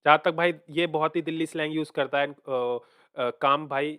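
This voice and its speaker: Switching between English and Hindi, a man reacts casually to music, musing out loud and echoing lyrics to himself. He speaks at a moderate pace in a slightly high, steady voice with a clear, resonant tone.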